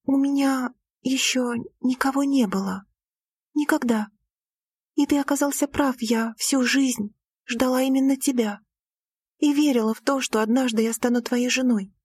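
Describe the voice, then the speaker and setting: Lady doing a naive young bride, earnest and emotional, kinda husky, dry sound. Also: fairly even intonation, normal speed, a little mellow, no echo. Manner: higher, earnest, emotional delivery. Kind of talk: audiobook reading.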